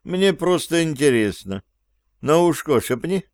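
A man voicing a cool, cocky male gang leader who gives orders calmly and mocks his crew. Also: on the high side, unhurried, no echo, clean studio sound, pitched above the performer's own voice. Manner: calm, commanding, mocking.

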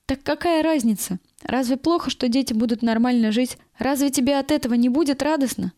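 A woman's voice: high-pitched, fairly quick, warm tone, dry recording, clean studio sound, voice pushed up. A woman voicing an older kindergarten staffer who coaxes, reasons and scolds by turns. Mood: coaxing. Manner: coaxing, reasoning, chiding.

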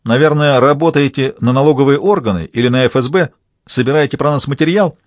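A man's voice: medium pitch, quick pace, no room sound, studio quality, pitched above the performer's own voice, natural voice. A man reading an audiobook, voicing a drunk, scrawny middle-aged man who blusters and picks a fight. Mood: sneering. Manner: shouting, picking a fight.

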